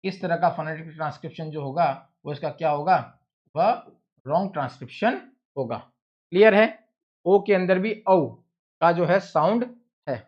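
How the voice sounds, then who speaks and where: A man's voice: a little high, moderate pace, highs cut off. A male teacher, giving a classroom lecture, who repeats words and keeps asking the class questions. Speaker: English teacher.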